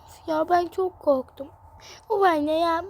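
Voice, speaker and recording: A whiny, sleepy little girl, always sighing and complaining, as a woman puts her on. The voice sits high and pinched, dragging out her groans in a game role-play. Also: takes it slowly, gravelly, heavily acted.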